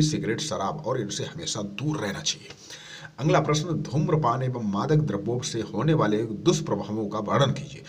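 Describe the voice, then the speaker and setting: A man teaching an exam-prep lesson, reading each question and then giving the answer in a lower voice, explaining patiently. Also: recorded from a distance.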